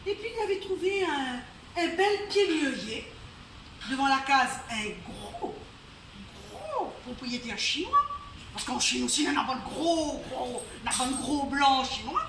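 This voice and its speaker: A woman's voice: sits high, lively intonation, moderate pace, fairly bright tone. A woman with a Réunion accent telling a folk tale live at an evening event, chatty, with asides to the audience and frequent laughter. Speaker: storyteller. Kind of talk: live oral storytelling. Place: storytelling evening in a venue. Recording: roomy, distant live venue recording with faint noise.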